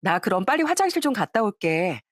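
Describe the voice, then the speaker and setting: A woman voicing a young woman caught in her lies, bright at first, then stammering and pleading. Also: medium pitch, big pitch swings, fairly quick, no echo, clean studio sound. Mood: cheerful.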